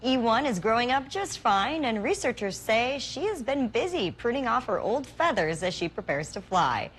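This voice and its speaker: A woman's voice: fairly high pitch, big pitch swings, normal speed, fairly bright tone, a little hiss or hum. A woman news anchor welcoming viewers back and reading friendly links between stories. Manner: friendly show host reading links and teases.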